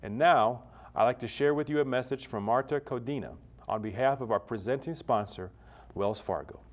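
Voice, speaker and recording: A man's voice: mid-range voice, normal speed. A man hosting an awards ceremony, opening with a prayer and reading out sponsors in a formal manner. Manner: formal, reads sponsor list. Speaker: ceremony emcee.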